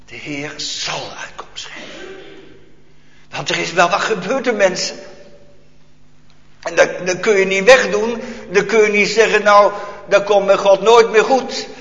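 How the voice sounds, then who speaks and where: A man preaching a fervent sermon in a somewhat high voice, his delivery swinging between loud outbursts and hushed, near-whispered passages. The recording is dull and lo-fi, and a long reverb rings through the church. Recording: echoey church hall, dull lo-fi.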